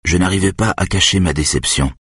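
A man reading a novel in the first person as an audiobook, in a measured, even delivery. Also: deep voice, husky, no echo, studio quality. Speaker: audiobook narrator.

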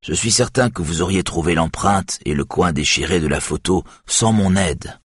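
A man doing a calm, firm detective. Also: sits low, husky, no echo, studio quality. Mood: measured. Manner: slow, firm.

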